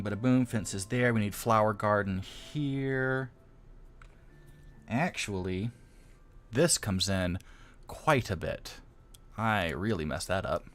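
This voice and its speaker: Low, slow-talking man thinking aloud. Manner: thinks aloud while working, mutters sound effects; rambling and self-deprecating. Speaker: streamer modding a game. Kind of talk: casual live-stream commentary.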